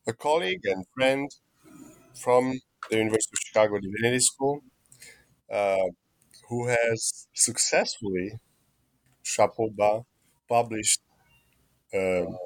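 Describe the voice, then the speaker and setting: A man with a lowish voice conducts an academic interview in Chicago. He speaks haltingly, breaking his sentences with frequent ums and uhs. The sound is close and dry, with no room echo.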